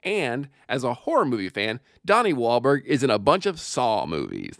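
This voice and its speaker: A man's voice: mid-range voice, huge pitch swings, normal speed, no room sound, clean studio sound. A male comedian chatting casually as a podcast guest, joking and laughing often.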